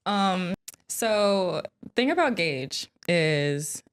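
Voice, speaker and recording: A woman's voice: on the low side, animated, extremely slow, clean tone. A woman hosting a casual podcast chat, playful and teasing with her guest. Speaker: podcast host.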